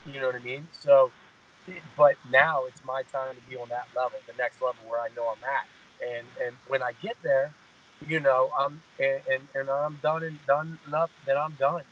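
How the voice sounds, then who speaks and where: A man's voice: medium pitch, flat delivery, moderate pace, highs cut off. A man in his mid-thirties, a fighter, talking in a casual interview, rambling and repeating "you know what I mean". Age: 30s. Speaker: guest fighter.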